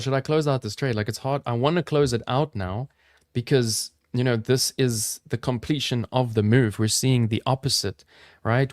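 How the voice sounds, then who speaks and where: An upbeat, chatty man from South Africa, his South African accent softened toward American, hosting a live trading stream and talking straight to his viewers. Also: fairly low pitch, no echo, studio quality. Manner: upbeat, chatty, addresses chat viewers directly. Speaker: crypto trading livestream host. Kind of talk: casual live-stream commentary.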